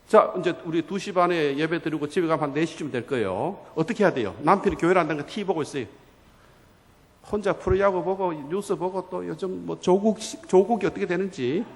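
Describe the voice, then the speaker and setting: A male guest pastor giving a lively sermon at an evangelism seminar, acting out little dialogues between churchgoers and their relatives. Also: high voice, creaky. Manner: animated storytelling, acting out dialogues of churchgoers and spouses. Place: church sanctuary. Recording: long reverb of a church hall.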